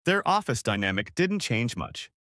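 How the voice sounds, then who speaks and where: A man narrating a romance story in an expressive, lively storybook style. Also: medium pitch, moderate pace, no room sound, clean studio sound.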